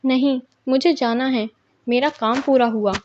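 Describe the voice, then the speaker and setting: A woman's voice: high-pitched, steady tone, measured pace, a little mellow. A woman voicing a wife who firmly insists on leaving, read plainly in her own storytelling voice. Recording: dull lo-fi recording.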